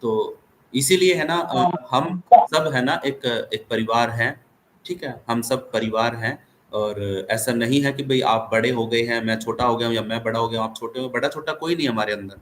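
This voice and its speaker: A man's voice: mid-range voice, normal speed, fairly bright tone, slight background noise. A man who is a pastor, giving earnest, encouraging counsel to a caller on an online meeting, often checking in with his listener. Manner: earnest, encouraging, many tag questions. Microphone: video call.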